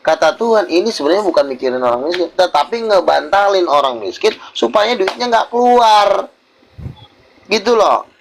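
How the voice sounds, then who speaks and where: A man, a preacher lecturing bluntly in a heated group discussion. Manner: blunt, lecturing, interrupts often; mimics others in higher voice. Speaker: pastor in online debate.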